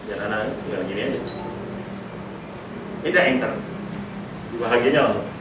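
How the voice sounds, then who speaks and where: A middle-aged man leading a school workshop, telling a story with lively acted-out dialogue. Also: fairly low pitch, fairly quick. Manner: animated storyteller, acting out dialogue with laughter. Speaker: workshop speaker. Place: school hall. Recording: echoey hall, voice from a distance, noisy.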